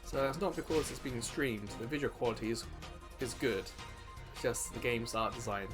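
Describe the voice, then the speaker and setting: This is the host of a gaming video series, a man thinking out loud as he gives relaxed gameplay commentary over video game music. He speaks in a mid-range voice at a normal speed.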